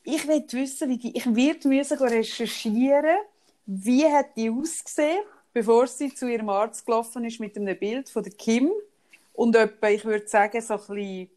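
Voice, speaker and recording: A woman's voice: on the high side, normal speed, a little mellow. Teasing Swiss German woman. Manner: teasing, chatty, laughs often. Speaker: podcast co-host. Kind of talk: casual chat.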